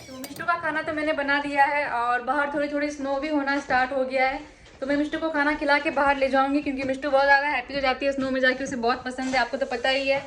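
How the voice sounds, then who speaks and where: A woman from India, a mom vlogger, chatting casually at home about her daily routine. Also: sits high. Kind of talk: casual home vlog narration. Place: home kitchen. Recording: echoey room with background noise.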